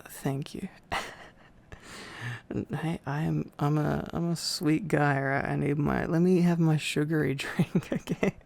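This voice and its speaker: A tired, drowsy man plays an affectionate boyfriend in an intimate ASMR roleplay, rambling softly and often sinking to a half-whisper as he murmurs. His voice is a little high and heavily creaky, and he speaks slowly with fairly even intonation.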